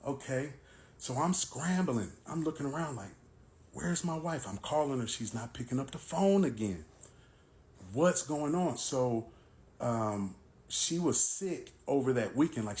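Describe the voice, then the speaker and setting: A man in his forties tells a personal story straight to camera. His voice sits at a middle pitch, and he stays animated, slipping into each side of the dialogue as he goes. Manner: animated, acts out both sides of the dialogue. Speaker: vlogger.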